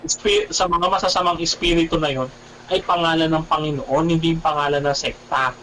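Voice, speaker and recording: High-voiced man, animated radio guest telling his testimony, addresses the host as "bro". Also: fairly quick, slight background noise, rough recording. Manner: animated, keeps calling the host "bro", repeats himself.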